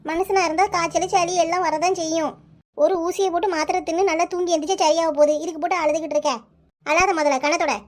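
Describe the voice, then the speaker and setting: A woman's voice: very high-pitched, steady tone, fast. A woman voicing a kindly older village woman in a cartoon, talking at length to scold and reassure, with a Kanyakumari Tamil accent. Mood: reassuring.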